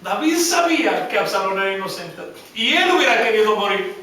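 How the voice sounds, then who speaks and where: A man's voice: high-pitched, sing-song, a little fast, bright, forceful tone, distant mic. A male pastor preaching a sermon, retelling a story with emphasis and often repeating or restarting words. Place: church hall. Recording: echoey hall, preacher away from mic.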